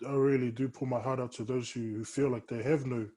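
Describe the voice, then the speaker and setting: Mellow, husky man, earnest guest. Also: mid-range voice, steady tone, quick pace. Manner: earnest and reflective. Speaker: podcast guest. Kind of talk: casual chat.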